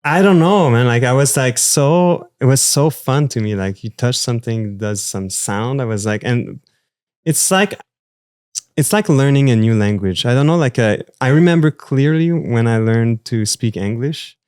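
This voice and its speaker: A man's voice: mid-range voice, normal speed, clear, resonant tone, no echo, clean studio sound. A man in his thirties with a Quebec French accent, a musician chatting loosely in an interview with lots of fillers. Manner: rambling, many fillers, animated. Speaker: musician guest. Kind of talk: casual interview chat.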